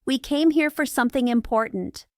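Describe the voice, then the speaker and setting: A woman's voice: high voice, normal speed, darkish tone, no room sound, clean studio sound, natural voice. A woman reading the lines of a friendly young man who introduces two friends, in a plain, explaining way.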